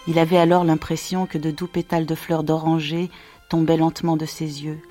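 A woman narrates a literary novel in a slow, measured, gentle reading voice. Soft music plays faintly behind her. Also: low voice, level tone. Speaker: audiobook narrator.

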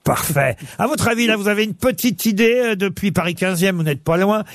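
A man with a high voice hosts a game show. He teases his guests and cuts in quickly. The sound is dry and close. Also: lively intonation, dry recording. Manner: teasing, quick to interrupt. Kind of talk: lively game show hosting.

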